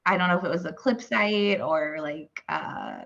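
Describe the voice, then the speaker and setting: Creaky-voiced woman chatting casually, muffled audio. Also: lowish voice, huge pitch swings, measured pace, fairly bright tone. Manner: informal, filler-heavy with "like". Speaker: online video creator and cam performer. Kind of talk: casual chat.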